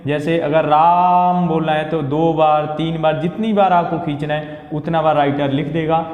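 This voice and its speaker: A man giving a classroom lesson, explaining slowly and repeating each term. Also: a little high, steady tone, phone-quality sound. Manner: explains slowly, stretching out sounds and repeating terms. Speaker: teacher. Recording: echoey room with long reverb.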